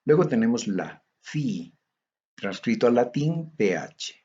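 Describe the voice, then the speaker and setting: Slow, husky man reading Greek letter tables. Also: medium pitch, very animated, warm tone, highs cut off. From Bolivia. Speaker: theology lecturer. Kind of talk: recorded online lecture.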